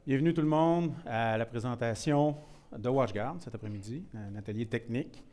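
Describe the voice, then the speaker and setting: A man's voice: mid-range voice, moderate pace, mellow. A man with a Québécois accent giving a technical security workshop, casual and self-deprecating, with many restarts and English words mixed in. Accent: Québécois French. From Quebec. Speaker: presenter.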